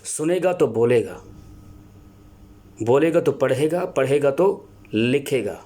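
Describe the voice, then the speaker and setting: A man lecturing as a teacher, earnest and explanatory, pausing often to find his words. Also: medium pitch, animated, warm tone. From Pakistan. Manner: earnest, explanatory, with many filler pauses and restarts. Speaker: Urdu teacher. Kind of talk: spoken lecture on teaching Urdu.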